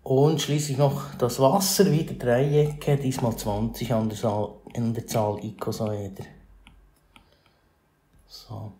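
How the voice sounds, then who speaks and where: Mellow-voiced male math teacher, roomy. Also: medium pitch, level tone, slow pace. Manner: explanatory, with fillers and self-corrections. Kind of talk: screencast math lesson.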